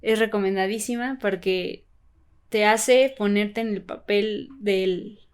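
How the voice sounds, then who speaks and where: A woman's voice: medium pitch, steady tone, slow, smooth. A woman, a podcast guest explaining ideas in an earnest, casual chat. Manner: explanatory, earnest, leans on "justamente" and "exacto".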